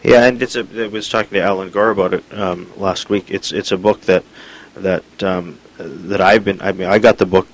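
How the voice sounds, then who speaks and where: A man hosting an interview, measured and full of "uh" fillers. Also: sits low, steady tone, slight background noise, low-quality recording. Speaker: radio interview host. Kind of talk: interview with a scripted introduction.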